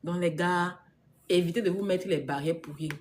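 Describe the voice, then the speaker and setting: A woman with a lowish, slightly mellow voice speaks at a moderate pace as a business coach on a casual live stream, responding to viewer comments. She makes her points emphatically by repeating them, laughs frequently, and weaves English words into her talk.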